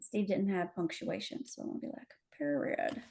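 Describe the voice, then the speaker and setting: Relaxed woman co-presenting a demo. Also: mid-range voice, fairly quick, gravelly. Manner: relaxed, talks through her edits as she goes. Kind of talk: conference workshop demo.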